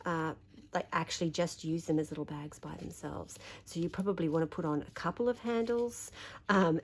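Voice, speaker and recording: An Australian woman with a slightly croaky voice, talking through a papercraft tutorial while she folds and trims, chatty and thinking aloud. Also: on the low side, a little mellow, slight background noise. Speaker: papercraft demonstrator. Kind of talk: craft tutorial narration.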